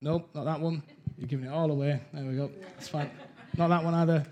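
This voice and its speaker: Candid and self-mocking, this Welsh man tells his church testimony, performing the quotes and voices of the people in it. His voice is on the high side yet dark in tone, steady and brisk, and the audio is dull.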